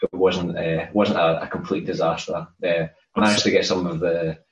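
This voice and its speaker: Low-pitched and steady at a normal speed, this Scottish podcast co-host rambles through casual chat. He tends to repeat words when beginning a thought, and the audio is roomy, dull and lo-fi.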